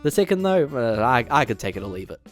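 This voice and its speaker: In this scripted essay on video game movies, a male YouTube host offers opinionated takes with a conversational, emphatic delivery. He speaks at medium pitch in a sing-song, quick manner, with faint music behind him.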